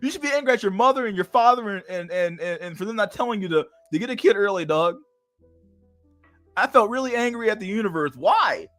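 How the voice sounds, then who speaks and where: Man, 30s, high voice, dry sound with faint music behind; crude, mocking stream commentator. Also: expressive, a little fast, fairly bright tone, no echo. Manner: mocking, crude, laughs often, reads an article aloud then rants. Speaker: streamer reacting to an article. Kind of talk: casual livestream commentary.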